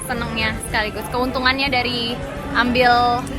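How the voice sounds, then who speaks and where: A woman's voice: fairly high pitch, flat delivery, normal speed. A young woman with an Indonesian accent chatting casually and exclaiming for a vlog, mixing in bits of English. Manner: exclamatory, mixes in English phrases. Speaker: travel vlogger. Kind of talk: casual excited vlog chat. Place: amusement park queue and walkways. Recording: loud music, busy amusement park crowd.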